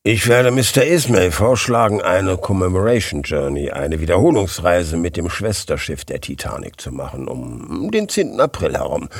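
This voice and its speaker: Calm deliberate detective, done by a man, low husky voice. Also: dry recording, studio quality, full character voice. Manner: composed, deliberate, lower-pitched. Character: calm, measured male detective. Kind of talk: audiobook character voice.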